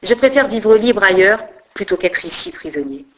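A woman's voice: mid-range voice, lively intonation, normal speed, natural voice, rough recording. A woman voicing a proud, stubborn old male philosopher who grumbles and stands defiant. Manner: gruff, grumbling.

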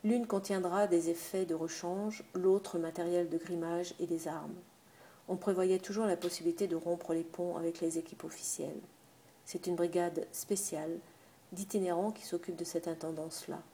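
A woman narrating a novel in a steady, even reading voice. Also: on the low side, normal speed. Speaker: audiobook narrator.

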